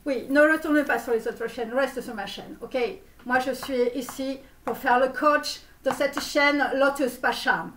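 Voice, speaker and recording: A woman's voice: high-pitched, steady tone, fairly bright tone, slight background noise. A woman playing a grandiose Romanian-born American tarot guru in a parody reading, with a put-on Romanian accent and English words thrown in. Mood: pompous. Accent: put-on Romanian accent in French. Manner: grandiose, sprinkles English words, drawn-out phrases. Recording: roomy echo, mic far off.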